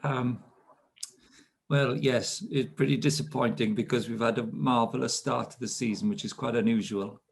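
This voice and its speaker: A man in his fifties with a South Wales accent tells stories about his life as an interview guest, chatty and self-deprecating in a relaxed storytelling interview. His mid-range voice is creaky and slightly rough, with fairly even intonation at a moderate pace.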